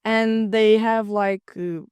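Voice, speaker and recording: A woman's voice: medium pitch, fairly even intonation, slow pace, darkish tone, clean tone, dry recording. A young woman co-hosting a casual student podcast, telling stories and acting out quoted lines. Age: young adult. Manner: chatty storyteller who acts out quotes. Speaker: podcast co-host. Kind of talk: casual chat.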